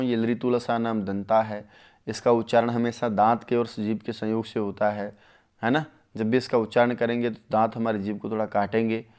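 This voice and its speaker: A man runs a live online Sanskrit lesson for exam takers, speaking close to the mic. He talks with eager warmth toward his students. He drags out each grammar rule syllable by syllable so the class can follow. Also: mid-range voice, clear, resonant tone. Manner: enthusiastic, addresses viewers as friends, slows to spell out sutras. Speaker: Sanskrit teacher.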